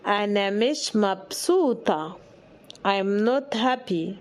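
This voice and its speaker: A woman with an Egyptian Arabic accent who teaches the language, saying each phrase slowly twice and then giving it in English. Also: mid-range voice, expressive. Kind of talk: slow phrase drill for learners.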